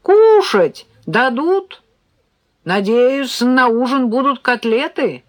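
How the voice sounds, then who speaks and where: A woman's voice: medium pitch, expressive, slow, pitched above the performer's own voice. A woman reading an audiobook, voicing a blunt, bickering young man in a raised, exclaiming tone. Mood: indignant. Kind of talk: audiobook dialogue.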